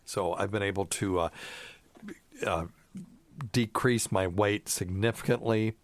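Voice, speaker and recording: A man's voice: on the low side, measured pace. A middle-aged man hosting a medical call-in podcast, reading ads in a rambling, joking way full of fillers. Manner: rambling, jokey, many fillers. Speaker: podcast host, doctor. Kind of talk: casual chat and ad reads.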